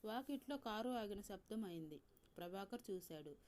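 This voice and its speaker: A woman with a Telugu accent reading a story aloud in a calm, measured way, softly voicing the characters. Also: mid-range voice. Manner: calm, measured reading with soft voiced dialogue. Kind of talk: scripted story narration.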